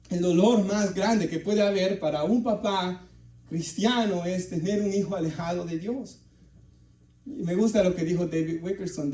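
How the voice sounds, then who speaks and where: A man's voice: high voice, dark tone. A man preaching a sermon, earnestly calling out to the brothers. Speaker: pastor. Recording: echoey room, mic at a distance.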